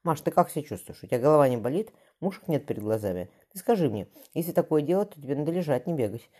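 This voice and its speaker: A woman's voice: low voice, very animated, quick pace, mellow, slightly rough, pitched above the performer's own voice, exaggerated voice. A reader putting on a blunt, commanding noblewoman. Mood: concerned. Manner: earthy, commanding, plainspoken. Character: confident, blunt Russian noblewoman, pregnant mother. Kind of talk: audiobook character voicing.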